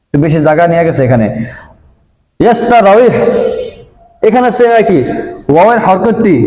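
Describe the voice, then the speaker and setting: High-voiced man teaching grammar step by step. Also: a little mellow, roomy sound, low-quality recording. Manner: explains step by step, often checks in with listeners; drawls example words slowly. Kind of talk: recorded grammar lesson.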